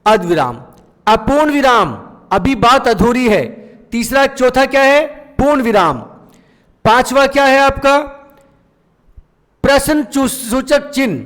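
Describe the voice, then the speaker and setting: A man's voice: very high-pitched, fairly bright tone, in a large hall. A man teaching a grammar lesson, who keeps asking rhetorical questions and then answering them himself.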